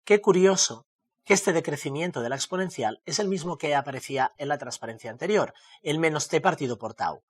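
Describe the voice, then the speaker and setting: Man from spain, lecturer, slightly higher voice, emphatic explanatory tone, slide lesson. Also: animated, fairly quick, breathy edge. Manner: explanatory, emphatic on key words. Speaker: university lecturer. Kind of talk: recorded lecture over slides.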